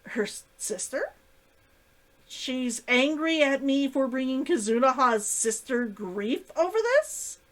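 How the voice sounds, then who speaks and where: A woman's voice: high-pitched, lively intonation, slow, a bit bright, pitched above the performer's own voice, exaggerated voice. A woman voicing a curious, restrained male adventurer in a story reading. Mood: puzzled, probing. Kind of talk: acted dialogue in a story reading.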